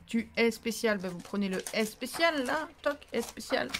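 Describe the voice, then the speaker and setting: A woman with a fairly high voice walks through a paper-craft demonstration. Her talk is loose and chatty, full of restarts and thinking aloud, with a playful streak that slips into silly asides. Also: lively intonation, moderate pace, noisy background. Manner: chatty and rambling, thinking aloud while stamping. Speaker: paper-craft tutorial host.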